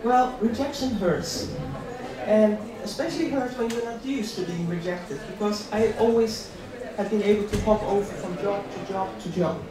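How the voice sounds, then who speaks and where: A middle-aged Dutch woman, invited to speak at a career event, gives a personal motivational talk with slides in a large room at an employment event. Her mid-range voice moves at a moderate pace, and she repeats words conversationally to drive her points home. A distant mic catches her in a very echoey hall, with clear audience noise around her.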